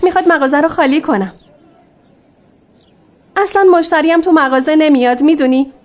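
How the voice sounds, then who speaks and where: A woman's voice: sits high, natural voice. A woman dubbing a pleading, remorseful girl. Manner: pleading, contrite. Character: remorseful young woman begging forgiveness. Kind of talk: dubbed TV drama.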